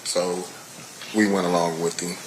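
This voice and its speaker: A low-voiced middle-aged American man answers questions as a witness. He speaks colloquially and haltingly, leaning on "you know" as he goes. There is some background noise. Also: level tone. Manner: hesitant, halting, peppered with 'you know'. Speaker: witness giving testimony. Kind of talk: spoken testimony, casual and colloquial.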